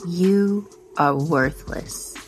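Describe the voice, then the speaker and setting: A woman's voice: on the low side, over music. A woman giving voice to a cold vengeful ghost. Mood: contemptuous. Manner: slow, deliberate pronouncements.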